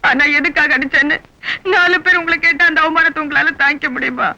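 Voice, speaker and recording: Distressed young doctor. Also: female voice, high-pitched, fairly even intonation, a little fast. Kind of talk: film dialogue. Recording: dull film soundtrack with music.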